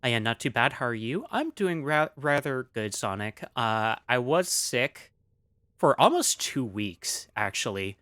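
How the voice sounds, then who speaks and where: A man's voice: medium pitch, very animated, unhurried, fairly bright tone, clear, resonant tone, no echo. A man streaming casually, rambling with many fillers as he reads chat aloud, still coughing after an illness.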